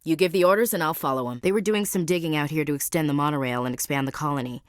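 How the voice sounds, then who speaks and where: Playing a video game character, an actress gives a young female marine a hard, blunt, clipped military delivery that stays steady in mood. She speaks at a racing pace in a low voice close to an everyday one, captured in clean studio sound without echo.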